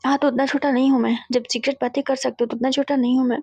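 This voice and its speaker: A woman playing a cheeky ten-year-old boy in a retold storybook, stubborn and pestering. The voice is high with a gravelly, husky grain, recorded close and dry. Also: flat delivery, very fast, darkish tone, no room sound, soft background music. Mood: insistent. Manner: insistent, pestering questions.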